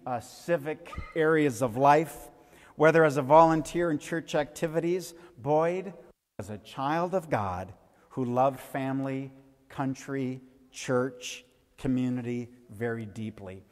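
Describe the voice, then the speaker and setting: A man, a pastor, giving a funeral sermon and telling a gentle story to the children. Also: medium pitch, slow. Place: church sanctuary. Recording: reverberant church hall.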